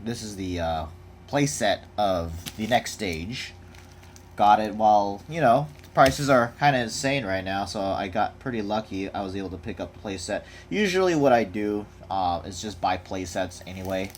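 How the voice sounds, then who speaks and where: A young man with a lowish voice speaks at normal speed, casually unboxing trading cards at home. He rambles in a relaxed way, full of fillers. It's a noisy home recording with the crinkle of packaging in the background.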